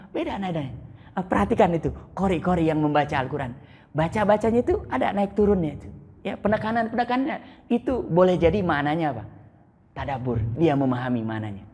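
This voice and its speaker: A male preacher delivers a casual, storytelling religious lecture, often turning to his listeners with rhetorical questions. His voice climbs high and drops low by turns. The sound rings out with a long reverb, as in a prayer hall. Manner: conversational, asks the audience rhetorical questions; swings widely between high and low pitch.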